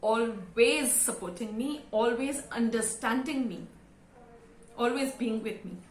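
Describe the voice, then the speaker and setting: A woman of about fifty with an Indian English accent, giving a sincere, emotional thank-you speech to camera with halting fillers. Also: on the high side, a little hiss or hum. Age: around 50. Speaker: vlogger and school teacher. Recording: roomy echo.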